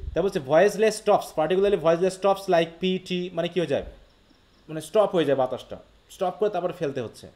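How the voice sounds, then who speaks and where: A high-pitched male teacher with a Bangladeshi accent gives a live lecture. He reads English lines slowly, then explains them patiently, often checking that his students follow. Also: darkish tone.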